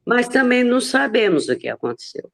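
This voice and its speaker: A woman on a video call sharing news in an earnest, measured way. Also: fairly high pitch, big pitch swings, gravelly, a bit bright. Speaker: study group member. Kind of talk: casual chat.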